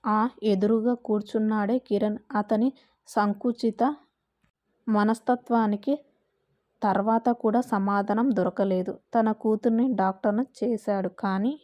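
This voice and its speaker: A woman narrating a first-person story in a slow, emotional way. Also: mid-range voice, fairly even intonation, warm tone, dry recording, dull audio.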